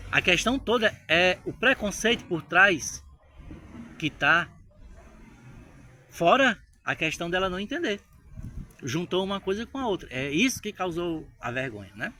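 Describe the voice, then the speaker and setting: A Brazilian man telling a story to his viewers in a casual vlog, animated and chatty, often checking in with them. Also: high-pitched, moderate pace, long pauses. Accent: Brazilian Portuguese. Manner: animated, addresses viewers directly with frequent tag questions. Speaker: English-learning vlogger.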